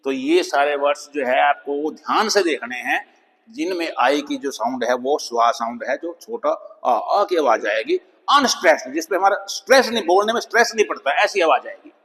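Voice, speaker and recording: A man teaching English pronunciation, patiently explaining and repeating example words slowly, dropping his voice on each model word. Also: on the high side, animated, a bit bright, big-room sound, poor audio. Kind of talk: explanatory lesson.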